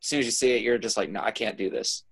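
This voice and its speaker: A man's voice: fairly low pitch, rapid-fire, creaky, slightly rough, dry recording, rough recording. A man co-hosting a podcast in casual chat, rambling, laughing often and swearing freely. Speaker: podcast co-host.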